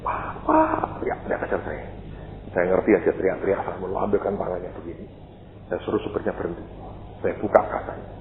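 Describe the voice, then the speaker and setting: A man's voice: low-pitched, flat delivery, fast talker. A man preaching a sermon as pastor, telling a story with acted-out dialogue and joking asides. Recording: echoey hall, muffled phone-like sound, faint noise.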